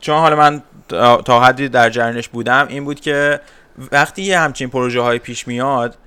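A man's voice: medium pitch, steady tone, sharp tone, smooth. A man interviewing an architect, polite and hesitant, with many filler sounds between his words. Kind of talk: interview questions.

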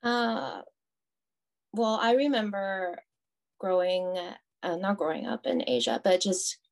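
A woman from Taiwan in her thirties, chatting as a podcast guest, soft-spoken and chatty with frequent fillers and light laughs. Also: medium pitch, takes it slowly. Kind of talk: casual interview conversation.

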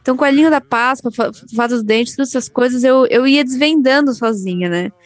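A young adult woman, a podcast co-host, chatting casually among friends and telling lively anecdotes in which she acts out the voices. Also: high-pitched, a little fast, no echo. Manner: animated storyteller, acts out voices in her anecdotes.

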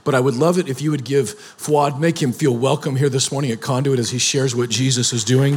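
Pastor introducing a guest, man, mid pitch, a bit breathy. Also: steady tone, brisk, darkish tone. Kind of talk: church announcement.

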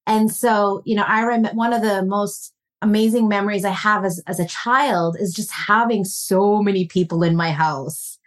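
A woman with a steady, medium-pitched voice talks at a moderate pace with few pauses. She's a relationship coach interviewed on a podcast, raised in North America by a Filipino family, earnestly reflecting and telling family stories with warm laughter.

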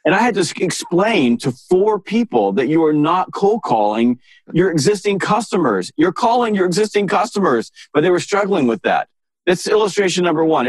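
Man, podcast guest, higher-pitched, dry close sound; punchy, exasperated storyteller. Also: no room sound. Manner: emphatic, animated anecdotes with exasperated rhetorical questions. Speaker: sales author and interview guest.

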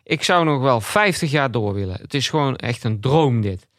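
A man playing a nervous small-town radio host who hosts a dating segment and talks haltingly, full of fillers. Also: medium pitch, animated, a bit bright, no room sound, studio quality, natural voice. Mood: awkward, nervous.

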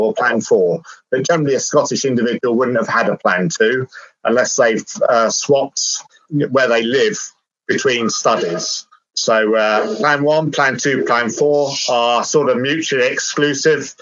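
A man on a panel, explaining rules in steady detail. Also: mid-range voice, no echo. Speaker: panel expert. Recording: dry, dull lo-fi sound.

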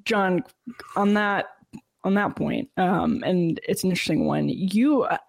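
A woman's voice: lowish voice, unhurried, gravelly. A woman hosting a political talk podcast, thoughtful and drawing out long, carefully built questions. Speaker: podcast host.

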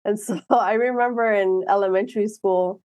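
A woman in her thirties from Miami, talking as a guest in a casual interview, earnest and animated, often restarting her sentences. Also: medium pitch, moderate pace, no echo. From Miami, United States.

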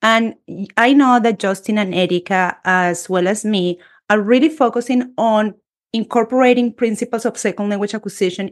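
A woman hosting a podcast interview over a video call, enthusiastic and expressive as she welcomes her guests. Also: mid-range voice. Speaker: podcast host. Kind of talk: casual interview chat.

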